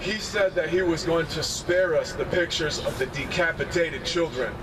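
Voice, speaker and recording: A man's voice: on the high side, normal speed. A man giving an impassioned protest speech outdoors on a city sidewalk, repeating phrases for emphasis. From United States. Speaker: protest speaker. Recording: distant mic, loud street traffic.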